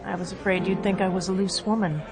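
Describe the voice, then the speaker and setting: Flirty, confident woman agent, played by an actress, mid-pitched, playful teasing, audio drama with prominent music. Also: flat delivery, fast, close to an everyday voice. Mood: flirtatious. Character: flirtatious, breezy, self-assured female agent.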